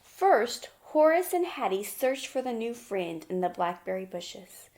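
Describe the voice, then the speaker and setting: A woman teacher reads a children's picture book aloud and discusses it simply, often asking the young listener questions. Her voice is on the high side, sing-song, unhurried and darkish.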